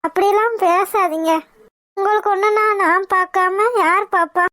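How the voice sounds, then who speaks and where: A woman's voice: extremely high pitch, fairly even intonation, moderate pace, fairly bright tone, no room sound, clean studio sound. A woman voicing a young, devoted wife in a cartoon, affectionate, pleading and playfully scolding. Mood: tender. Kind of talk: cartoon voice acting.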